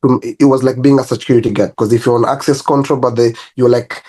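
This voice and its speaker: Quick and slightly rough, his medium-pitched voice carries a Ugandan accent; he's a young man from Uganda who works as a personal trainer. In this casual interview he tells stories in an easy, relaxed way, laughing and restarting as he goes.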